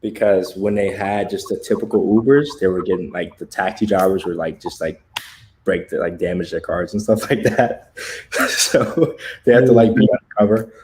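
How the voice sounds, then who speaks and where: A relaxed American man with a lowish voice hosts a casual livestream chat. He talks in loose slang, laughs easily and drifts between stories. A faint room hum sits under his voice. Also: normal speed. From United States. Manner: laid-back, laughs often, loose slangy talk. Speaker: livestream host.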